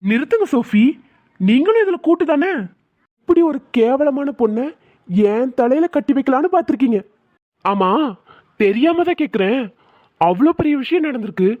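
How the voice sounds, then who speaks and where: A woman's voice: high voice, lively intonation, normal speed, pauses often, no echo, narrow, tinny audio. A woman voicing an angry young man who harshly accuses his fiancée in a cartoon. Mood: scornful.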